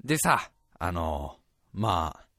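Bright, lively young male comic storyteller. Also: low voice, takes it slowly, soft background music. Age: 20s. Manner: self-deprecating, exaggerated, animated storytelling. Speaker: radio show host. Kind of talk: comedic storytelling monologue.

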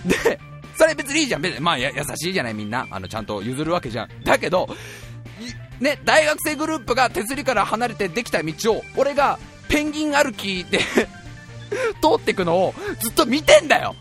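A young man in his twenties with a high, bright voice, hosting his own show with a comic monologue. He tells the story in an animated, self-mocking, exaggerated way, and his pitch leaps around constantly. Faint music plays underneath. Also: fast talker. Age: 20s. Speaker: radio show host.

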